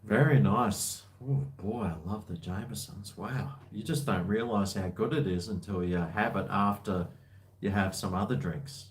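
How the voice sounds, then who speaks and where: He speaks in a lowish voice at a measured pace. As a livestream host answering viewer comments, he chats casually and rambles in laid-back, blokey slang.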